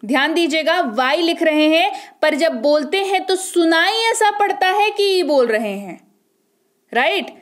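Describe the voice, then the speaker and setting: High-pitched indian teacher lady, keeps quizzing you and saying words slow. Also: lively intonation. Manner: coaxing, asks the viewer questions and repeats words slowly. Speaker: English teacher. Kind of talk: online spelling lesson.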